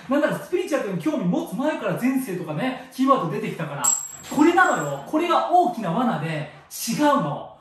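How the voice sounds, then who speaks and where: A man talking as a spiritual counselor in a casual solo monologue, playful and jokey, tacking catchphrases onto his lines and swinging between loud bursts and soft asides. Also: sits high, far from the mic. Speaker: spiritual counselor and channel host. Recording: very echoey room, voice from off mic.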